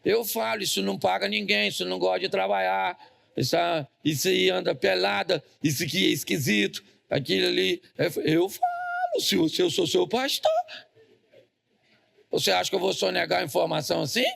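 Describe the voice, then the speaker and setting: Gravelly high-voiced joking Brazilian pastor. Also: male voice, sing-song, brisk, fairly bright tone. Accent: Brazilian Portuguese. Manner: joking, storytelling, calls on the congregation. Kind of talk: humorous sermon. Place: church hall.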